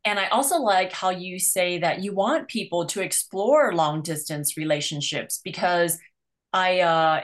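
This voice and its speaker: A woman hosting a conversational interview, affirming her guest and restating points before she asks questions. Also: fairly low pitch. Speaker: interviewer, show host.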